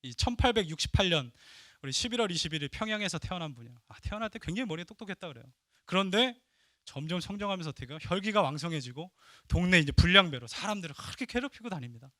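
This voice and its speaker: A man preaching a sermon as pastor, animated and emphatic, dropping to hushed asides. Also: sits high, fast talker, no room sound, clean studio sound. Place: church sanctuary.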